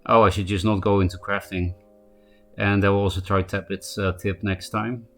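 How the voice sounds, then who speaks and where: Streaming a card game, a man speaks with a Polish accent in a lowish, level voice, with faint music in the background. It's casual live-stream chatter: he answers his chat by name and keeps up a run of quick asides.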